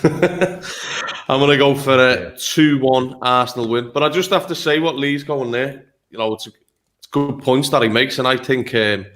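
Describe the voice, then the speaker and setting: A man with a medium-pitched voice joins a football panel as a guest. He speaks in a casual, conversational style. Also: a little slow, fairly bright tone.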